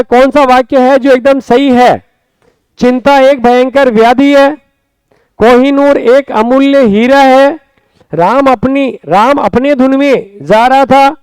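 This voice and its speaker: A male Hindi grammar teacher with a Rajasthani accent, explaining a class lesson step by step, repeating words slowly and often asking his students quick questions. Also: very high-pitched, darkish tone, smooth, no room sound.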